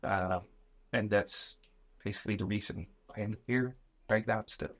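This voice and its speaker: A man in his twenties from the Netherlands, a guest sharing his story in an earnest, slightly halting way. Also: lowish voice, fairly even intonation. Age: 20s. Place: sitting room with other guests.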